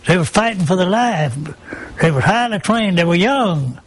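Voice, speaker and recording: A man's voice: high voice, animated, normal speed, heavy background noise. An elderly American man, an old veteran remembering the war in plain, folksy, repetitive phrases. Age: 80s. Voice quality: creaky aged voice.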